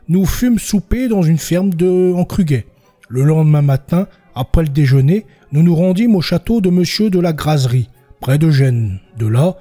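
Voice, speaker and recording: Mellow man reading old testimony. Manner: reads quoted villagers with raised pitch, slips and restarts. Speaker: podcast narrator. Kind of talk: reading historical court testimony aloud.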